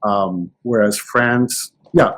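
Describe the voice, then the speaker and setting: A man in casual podcast chat, telling anecdotes with animated restarts. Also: on the low side, slow pace, low-quality recording. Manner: storytelling, animated, many restarts. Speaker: podcast guest.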